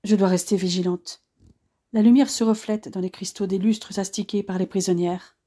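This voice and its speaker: A woman reading a first-person audiobook in a measured, earnest storytelling manner. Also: medium pitch, steady tone, dark tone, breathy edge. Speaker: audiobook narrator.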